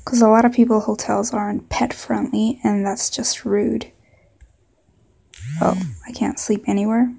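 A woman's voice: mid-range voice, fairly even intonation, measured pace, creaky, dark tone, husky, exaggerated voice. A woman playing an indignant, pushy customer with a put-on Southern drawl in a comedy scene read-through. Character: indignant, pushy adult pet hotel customer.

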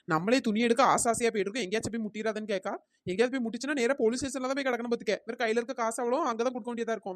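A woman's voice: on the high side, no echo, studio quality, natural voice. A woman voicing a chatty, cheeky young village woman in a cartoon, arguing back. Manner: rapid, argumentative, talks back. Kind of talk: cartoon dialogue.

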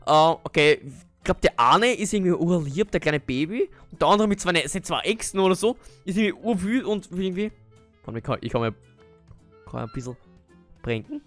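A man's voice: high-pitched, expressive, fairly quick, a bit bright, faint music behind. A man with an Austrian accent playing a Minecraft role-play, talking with many hesitant fillers and breaking into panicky yelps. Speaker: gamer.

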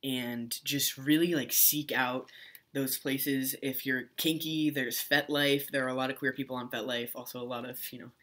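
A man's voice: mid-range voice, steady tone, moderate pace, bright, forceful tone. A young man talking casually to camera in a vlog, rambling with restarts and fillers. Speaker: vlogger.

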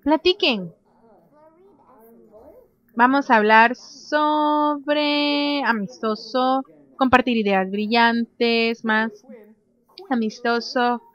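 High-voiced excitable woman gaming. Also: drawn-out words, long pauses, dull audio. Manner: chatty, reads game options aloud, bursts into excited shrieks. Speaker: gameplay commentator. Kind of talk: casual let's-play commentary.

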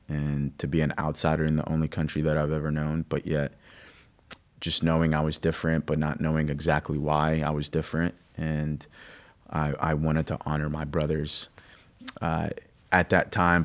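A man in his thirties, born in Greece, speaking reflectively with halting restarts as a musician guest interviewed in a recording studio. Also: very deep voice. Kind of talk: conversational interview. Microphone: studio condenser mic on stand.

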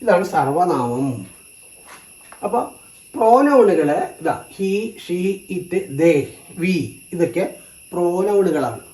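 A teacher giving a grammar lesson, slow and repetitive, stating each term in two languages. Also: medium pitch, lively intonation, mellow, roomy sound, poor audio.

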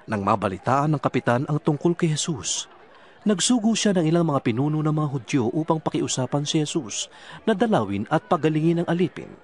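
A man's voice: on the high side, sing-song, a little fast. A man reading a Bible narration, telling the story steadily. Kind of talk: scripted narration. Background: music.

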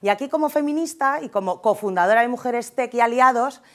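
A woman with a Spain Spanish accent giving a humorous conference talk, chatty and joking, often tagging her sentences with a quick question to the audience. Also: fairly high pitch. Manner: chatty, jokey, keeps tagging lines with "¿eh?". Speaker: conference speaker.

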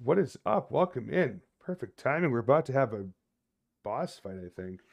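A man's voice: mid-range voice, sing-song, moderate pace, gravelly, a little mellow. A man in his thirties giving casual, sweary commentary on a horror game livestream. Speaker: game streamer. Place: indoor room at a streaming desk.

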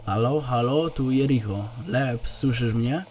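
A man's voice: mid-range voice, measured pace, darkish tone, a little hiss or hum, natural voice. A man voicing a blunt, foul-mouthed militia colonel who commands his fighters in an audio drama. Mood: calm orders.

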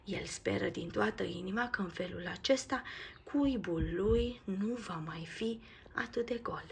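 A woman reading a children's storybook aloud in a lively, expressive way. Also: medium pitch, vocal fry, slight background noise. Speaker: narrator. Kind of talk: storybook read-aloud narration.

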